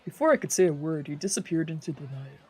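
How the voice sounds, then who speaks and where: Faint game music sits under this streamer, who narrates a visual novel dramatically in let's-play style, making up character voices and adding offhand comments. The voice is medium-pitched, lively in intonation, slightly rough and a little mellow, and the delivery is fast.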